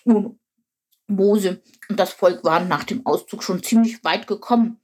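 A woman reading a children's story aloud in a clear, steady storytelling voice. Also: medium pitch, moderate pace. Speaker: storybook narrator.

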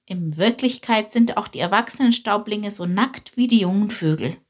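A woman voicing a fat, easygoing male bird in a storybook reading, amused and reassuring, with a breathy tone. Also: mid-range voice, normal speed, lightly acted.

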